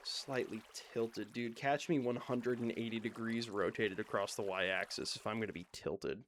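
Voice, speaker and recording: A man streaming a video game and chatting casually, telling a rambling story where he gets worked up and then talks himself calm. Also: on the low side, normal speed, slight background noise. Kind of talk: casual chat while playing a video game.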